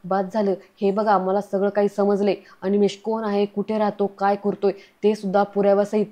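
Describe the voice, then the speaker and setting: A woman reading the lines of a calm, firm young woman who comforts others and presses for the truth, in a serial recap. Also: mid-range voice, normal speed, close to an everyday voice. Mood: insistent.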